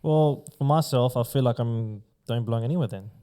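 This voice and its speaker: A man from Australia talks quickly on a casual podcast. His voice is mellow and dark, and he speaks in loose slang, often calling people "bro". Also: mid-range voice. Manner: fast, animated, slangy, says "bro" a lot.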